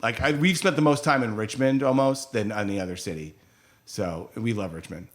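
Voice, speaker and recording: A man's voice: on the low side, moderate pace. A middle-aged man from upstate New York, a DJ, chatting as a podcast guest and acting out quotes in his stories. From Rochester, New York. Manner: chatty storyteller, acts out quotes. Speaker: DJ and radio host guest. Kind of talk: casual podcast interview.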